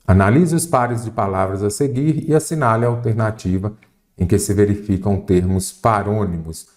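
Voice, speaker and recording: A Brazilian man who teaches Portuguese walks a student through an exam-prep grammar lesson step by step, frequently checking in along the way. He speaks with a Brazilian Portuguese accent in a fairly low voice with a darkish tone.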